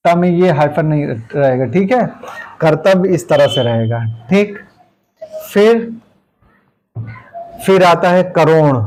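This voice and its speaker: Patient, fairly high-voiced male Hindi teacher. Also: darkish tone, low-quality recording. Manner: repeats words slowly, tags lines with "ठीक है"; plain, patient explaining with everyday examples. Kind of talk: exam-prep grammar lesson.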